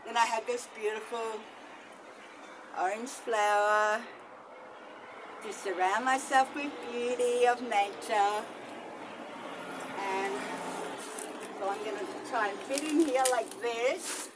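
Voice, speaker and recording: Speaking slowly with long pauses in a slightly high voice, a middle-aged woman vlogger rambles to her phone camera in a gently enthusiastic, exclamation-filled way. She is a spiritual practitioner filming among bush and a shallow rock cave, using a selfie stick with an attached mic. Traffic ambience runs under the noisy outdoor sound.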